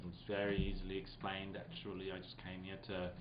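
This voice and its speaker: A man's voice: low voice, monotone, fairly quick, lo-fi sound, very noisy, close to an everyday voice. A man playing Sherlock Holmes as a nonchalant, theatrical detective in an old-time radio mystery, with playful asides. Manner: playful, breaking off into asides and laughter. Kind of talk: hammy old-time radio mystery read, with joking ad-libs.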